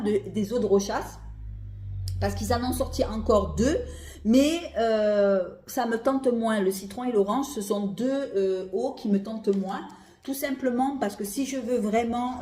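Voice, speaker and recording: A woman talks in an echoey room with a mellow, rounded voice at a middling pitch. She chats informally as a reviewer, thinking out loud. Her phrases often repeat or trail into a new start. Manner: informal, conversational, often repeats herself and breaks off mid-phrase. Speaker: perfume reviewer. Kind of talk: casual rambling chat review, thinking aloud. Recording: roomy, echoey sound.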